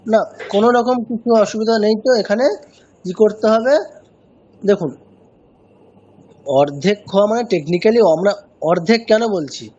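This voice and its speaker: A man's voice: sits high, unhurried, pauses often, a little mellow, highs cut off. A man teaching a pronunciation lesson in an online class, patiently repeating sounds to demonstrate them. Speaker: chanting teacher.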